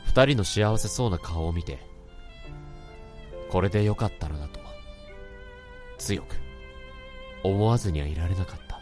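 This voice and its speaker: A low-pitched, slightly mellow male voice moves at normal speed with long pauses, lightly acted over faint background music. As narrator and lead of a radio drama, he plays a remorseful office worker who hears others' thoughts, reflecting on his story and questioning himself.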